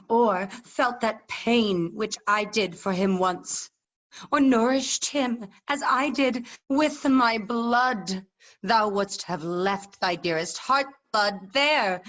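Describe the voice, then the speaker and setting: A woman's voice: on the high side, a bit bright. A woman playing a proud, scornful warrior queen and wronged mother in declamatory, emphatic Shakespearean verse over a muffled video call. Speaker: actor in staged reading. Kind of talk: Shakespearean verse drama, theatrical delivery.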